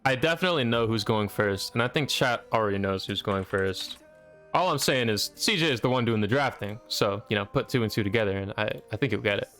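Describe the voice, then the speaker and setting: A man's voice: fairly low pitch, a little fast, a bit bright, faint music behind. A man co-hosting a game draft stream, joking in laid-back banter. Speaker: draft co-host. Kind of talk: casual stream chat.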